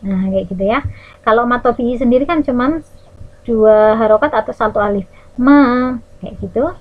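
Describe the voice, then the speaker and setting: A woman teacher with an Indonesian accent explaining Quran recitation rules to children, drawing out Arabic words slowly as she demonstrates them and checking in with her class. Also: on the high side, phone-quality sound. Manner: lively teacherly, checks in with "ya" and "nah".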